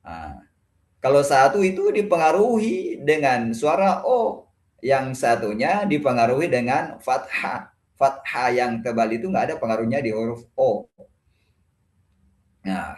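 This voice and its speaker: A man's voice: mid-range voice, darkish tone. A man teaching Quran pronunciation with an Indonesian accent, explaining patiently and demonstrating letter sounds by repeating syllables. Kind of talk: religious lesson on pronunciation. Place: mosque hall. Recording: echoey mosque room.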